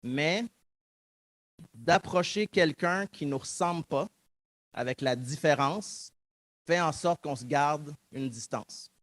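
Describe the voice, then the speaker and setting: Speaking slowly with frequent pauses, a man in his thirties from Montreal delivers a public talk as a guest speaker in a Québécois French accent. His voice is a little high and a bit bright, with no echo, and he reflects earnestly on his own story while acting out remembered exchanges.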